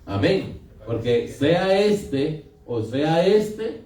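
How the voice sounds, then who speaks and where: A man's voice: a little high, sing-song, drawn-out words, darkish tone. A male pastor preaching a sermon in a conversational way, asking his congregation questions. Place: church hall. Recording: echoey hall, picked up from a distance.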